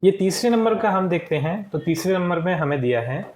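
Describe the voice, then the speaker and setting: A male teacher walking young pupils through textbook answers, saying each word slowly for them to repeat and often checking in with "ठीक है". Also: high voice, expressive, darkish tone, reverberant, a little hiss or hum. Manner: slow and deliberate, checks in with frequent "ठीक है". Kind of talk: classroom lesson walkthrough.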